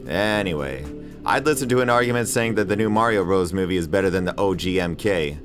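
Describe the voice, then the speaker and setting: A low, animated voice moving fairly quickly belongs to a man in his thirties who hosts a channel and narrates a casual video essay. Background music runs throughout, and his delivery is profane, slangy, opinionated and irreverent.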